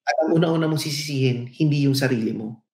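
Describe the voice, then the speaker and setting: A man's voice: mid-range voice, fast, a little mellow. Middle-aged filipino guy cohosting a podcast, thoughtful storyteller, voice bounces around the room a bit. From Philippines. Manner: reflective storytelling. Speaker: podcast co-host. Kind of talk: casual podcast chat, mixing in English. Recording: echoey room.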